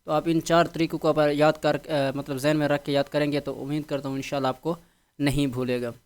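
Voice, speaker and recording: A man's voice: fairly high pitch, little pitch movement, clear, resonant tone. A man teaching a vocabulary lesson, explaining patiently and checking in often with his students. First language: Urdu. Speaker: English teacher.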